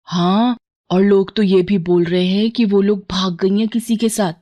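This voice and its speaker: A woman's voice: mid-range voice, steady tone, unhurried, dull audio, lightly acted. A woman voicing gossiping village women, chatty and defensive. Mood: gossipy.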